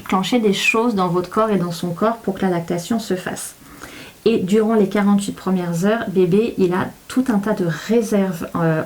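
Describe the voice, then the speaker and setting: Woman, mellow dark tone, explanatory, frequent fillers and restarts. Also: medium pitch. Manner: warm, hesitant with many fillers and restarts. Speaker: guest, child development specialist. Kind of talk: explanatory interview talk.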